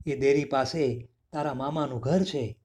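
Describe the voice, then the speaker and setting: A man narrating a children's story in a lively, expressive way. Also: medium pitch, a little slow.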